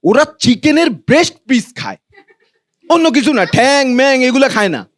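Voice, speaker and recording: High-pitched Bangladeshi man doing stand-up. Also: sing-song, moderate pace, a bit bright. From Noakhali, Bangladesh. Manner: colloquial, teasing banter with the audience. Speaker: stand-up comedian. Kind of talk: stand-up comedy to a live audience. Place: live comedy show in front of an audience.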